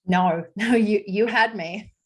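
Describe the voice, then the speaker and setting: A woman's voice: medium pitch, slow. A woman in her forties with a Dublin Irish accent, chatting openly as a podcast guest with plenty of ums and likes. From Ireland. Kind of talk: casual interview chat.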